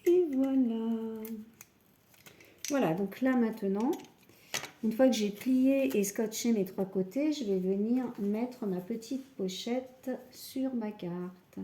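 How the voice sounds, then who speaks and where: A woman calmly guiding a scrapbooking tutorial step by step, working standing up. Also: a little high, slow, a little hiss or hum. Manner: calm step-by-step, often says "voilà". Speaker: scrapbooking crafter. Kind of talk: crafting tutorial.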